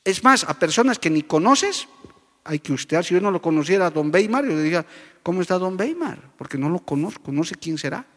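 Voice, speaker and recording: A middle-aged pastor preaches with fervent conviction. His voice sits a little high for a man, and long reverb trails each phrase through the church hall. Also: lively intonation, fairly quick. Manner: fervent preaching, often calls out "brother". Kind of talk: sermon.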